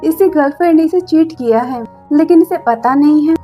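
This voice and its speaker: A fierce young wife who mocks her in-laws without holding back, read by a woman. The voice sits high and stays blunt and scornful. Faint music plays underneath. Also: a little fast, mellow, natural voice.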